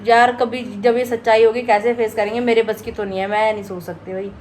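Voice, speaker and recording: A woman hosting a family vlog from home, with a fairly high voice. She tells her story in a chatty, animated way full of quick asides. A faint hum of noise sits behind her. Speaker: vlogger, host of a family daily vlog. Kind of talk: casual storytelling to camera.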